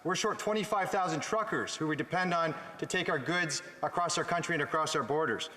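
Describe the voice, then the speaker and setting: Canadian guy mp giving a speech in parliament, bright forceful voice, super echoey hall, punchy earnest phrasing. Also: on the high side, fairly quick. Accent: Canadian English. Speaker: member of parliament. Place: large indoor legislative chamber. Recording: echoey chamber with long reverb.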